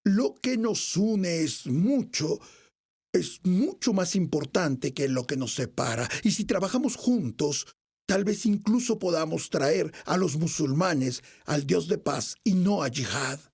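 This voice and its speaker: A man answering interview questions, telling his story earnestly in a gravelly, husky voice. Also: fairly high pitch, expressive, slow pace, darkish tone.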